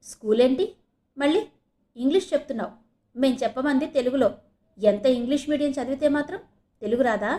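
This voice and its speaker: A woman's voice: high voice, fairly quick, pauses often, mellow, natural voice. Mocking male college senior, read by a woman. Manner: mocking, raised voice.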